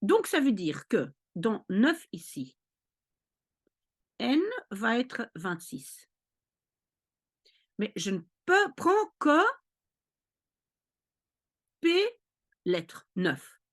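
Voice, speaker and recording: A woman's voice: medium pitch, sing-song, drawn-out words, pauses often, breathy edge. A woman tutoring maths, explaining patiently step by step and checking in often with her listeners. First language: Dutch. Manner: patient, repeats checks like "ok?" and "d'accord?". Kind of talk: explanatory lesson.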